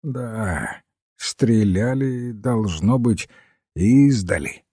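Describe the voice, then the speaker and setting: A man reading the part of a touchy old male frontier veteran who talks in a hoarse, grumbling way. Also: fairly low pitch, animated, drawn-out words, mellow, dry recording, clean studio sound, heavily acted. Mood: musing. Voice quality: hoarse, growling. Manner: curt and grumbling.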